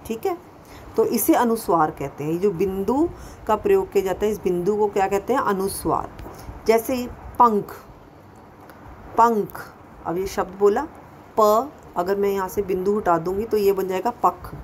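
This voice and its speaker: A primary school Hindi teacher patiently takes young children through a slow classroom lesson, repeating sounds and asking them questions. Her voice is medium in pitch and somewhat dark, at a normal pace. The low-quality recording has slight background noise.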